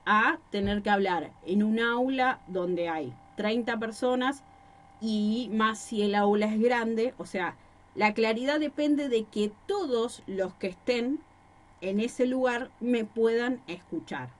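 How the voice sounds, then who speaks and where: A woman's voice: on the high side, slow pace. Woman teacher with a Rosario accent. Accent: Rosario Argentine Spanish. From Rosario, Argentina. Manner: explanatory, gives examples and asks rhetorical questions. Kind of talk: recorded class lecture. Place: small room. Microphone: microphone.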